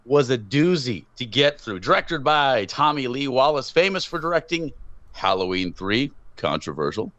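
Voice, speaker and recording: A man's voice: mid-range voice, very animated, normal speed, fairly bright tone, no echo, dull audio. A man hosting a podcast, chatting casually, rambling with fillers and frequent laughs. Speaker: podcast host. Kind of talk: casual chat.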